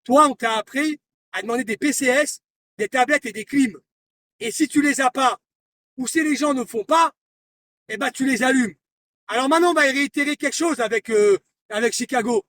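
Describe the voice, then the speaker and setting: A man with a very high speaking voice delivers a confrontational live-stream rant, taunting and hammering the same lines over and over. He sits some way back from the mic, and a faint hiss of noise runs under his voice. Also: normal speed, sharp tone, far from the mic. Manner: confrontational, repeats himself, taunting. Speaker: livestreamer.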